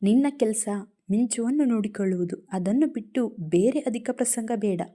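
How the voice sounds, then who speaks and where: Woman voicing an angry, shouting young boss. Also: a little high, expressive, normal speed. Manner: shouting, harsh and scolding.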